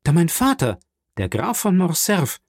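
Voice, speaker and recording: A man's voice: fairly high pitch, wildly swooping pitch, a little slow, creaky, no room sound, clean studio sound, voice pushed up, heavily acted. A man voicing a young, hot-tempered viscount who speaks in an agitated, raised voice. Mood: indignant.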